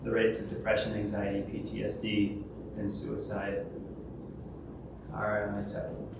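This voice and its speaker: Speaking at normal speed in a lowish monotone, a man presents at a conference in a big event hall and then fields questions. His delivery is hesitant, full of fillers and false starts, and the distant recording is noisy and echoey.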